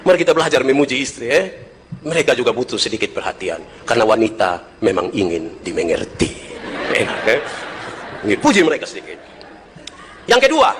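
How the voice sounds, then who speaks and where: A man with a Kupang Malay accent preaching a sermon as pastor, joking with the congregation and swinging between loud exclamations and quiet asides. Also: medium pitch, a little hiss or hum.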